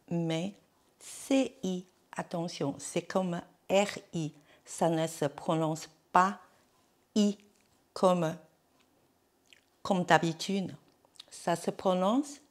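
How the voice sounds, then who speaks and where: A woman's voice: on the low side, darkish tone. A woman teaching pronunciation in French, patiently repeating each sound and checking that the listener follows. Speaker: Chinese teacher. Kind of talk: slow pronunciation lesson.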